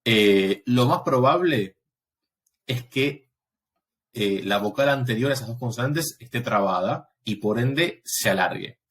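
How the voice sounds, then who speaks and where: A man teaching a Latin class, explaining step by step and often pausing to check that students follow. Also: mid-range voice, expressive, fairly bright tone. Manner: patient, explanatory, checks understanding with frequent "¿sí?". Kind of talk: recorded class lecture.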